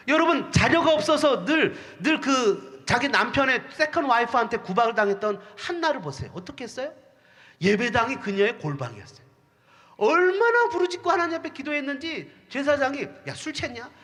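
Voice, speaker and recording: A man's voice: very high voice, fairly bright tone. A male pastor delivering a sermon, often putting questions to the congregation and acting out the voices of the people he quotes.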